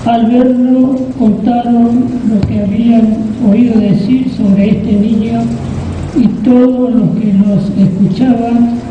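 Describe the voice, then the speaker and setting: A woman reading the Gospel at Mass in a slow, measured, solemn way, her voice ringing with cathedral echo in a large church. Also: on the high side, steady tone. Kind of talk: liturgical scripture reading. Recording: far-off, echoey, dull and hissy church recording.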